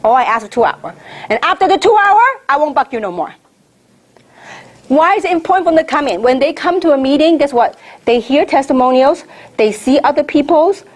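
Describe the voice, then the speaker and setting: A high, expressive, brisk female voice belongs to a middle-aged network marketing leader from Hong Kong. She delivers a motivational training talk that is emphatic and repetitive, firing rhetorical questions at her audience.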